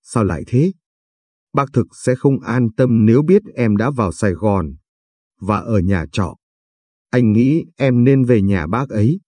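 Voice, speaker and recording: A man's voice: mid-range voice, expressive, unhurried, dark tone, no echo. A man voicing a caring young man who is earnest and worried, talking protectively in a storybook reading. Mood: anxious, eager.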